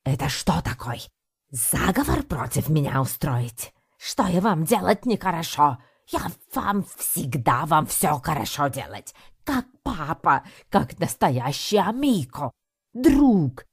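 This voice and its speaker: A woman's voice: deep voice, big pitch swings, slow, husky, voice pushed up, full character voice. A woman voicing a furious, theatrical male circus director with an Italian accent and broken grammar. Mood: wailing.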